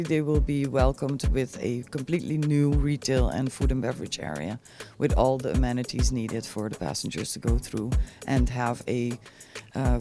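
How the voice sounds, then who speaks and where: A woman explains things in a measured, hesitant way as an airport executive being interviewed. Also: rumbling low. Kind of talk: on-camera promotional interview. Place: airport VIP lounge. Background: music.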